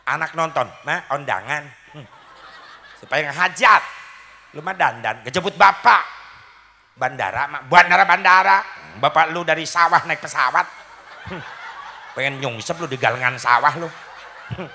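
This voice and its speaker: Gravelly, bright-voiced comic preacher. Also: male voice, on the high side, moderate pace, pauses often, a little hiss or hum. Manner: jokey, acts out wives and husbands in skits. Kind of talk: comic sermon to a crowd. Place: outdoor community stage.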